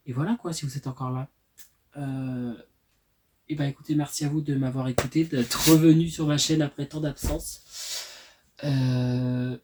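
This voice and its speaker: On his own channel, a twenty-something host shares poems he wrote, pausing for frank jokes at his own expense. His mid-range voice stays gentle, and he never rushes.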